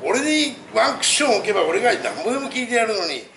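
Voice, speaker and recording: A man's voice: sits high, very animated, quick pace. A man with a chatting in a workshop, laughing and retelling exchanges. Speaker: wheel repair craftsman. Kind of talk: casual workshop chat. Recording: echoey noisy workshop.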